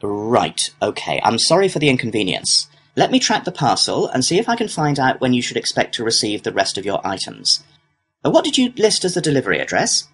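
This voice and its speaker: A man plays a courteous complaints clerk in a scripted listening-test dialogue, reading customer-service lines in a helpful, procedural, businesslike way. His mid-range voice is husky, a bit bright and exaggerated, moving fairly quickly with huge pitch swings.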